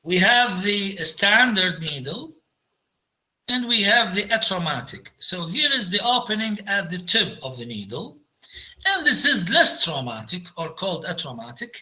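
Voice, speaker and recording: Bright-voiced man lecturing with many fillers. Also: high voice, sing-song, rough recording. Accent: Iraqi. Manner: halting, many fillers, switches into Arabic. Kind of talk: medical lecture over slides.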